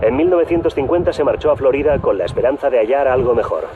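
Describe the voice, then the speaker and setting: A man giving scripted documentary narration in a measured, even storytelling manner. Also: medium pitch, noisy background. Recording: tinny phone-like audio with music bed. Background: background music.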